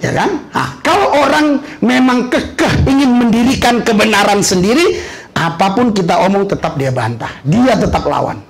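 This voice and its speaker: High-voiced, animated male preacher. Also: normal speed, vocal fry. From Indonesia. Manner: animated, acts out dialogue with questions, frequent hallelujahs. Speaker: pastor. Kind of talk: sermon with storytelling.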